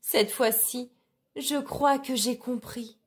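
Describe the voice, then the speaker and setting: A bossy young male sheepdog barks his orders in a high, strained voice, as a woman reads him out. He pushes his words out loud and slow, like a storybook dog trying hard to be obeyed. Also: steady tone, breathy edge. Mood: grateful. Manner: barked orders, raised voice.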